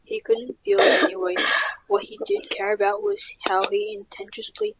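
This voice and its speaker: A woman narrating a horror story in a plain, steady reading voice. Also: fairly high pitch, normal speed, vocal fry, noisy background. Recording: dull lo-fi.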